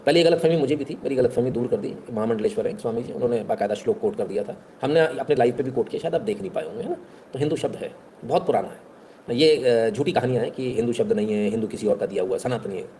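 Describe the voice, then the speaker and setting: Casual host, man, quick and rhetorical, mellow voice, faint background noise. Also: medium pitch. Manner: rhetorical, keeps asking "है ना?". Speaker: online history talk host. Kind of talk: casual talk to viewers.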